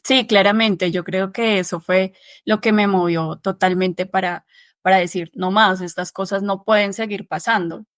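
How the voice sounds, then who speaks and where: A woman from Bogotá with a Bogotá Spanish accent, a teacher giving her testimony in an interview, telling it in a lively way and quoting the dialogue quickly. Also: medium pitch, dry recording, studio quality. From Bogotá, Colombia. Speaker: interview guest, early-childhood teacher. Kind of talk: conversational testimony.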